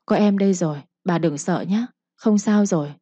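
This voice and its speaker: A woman's voice: lowish voice, normal speed, mellow, no room sound, lightly acted. A woman doing a loyal, caring old nanny.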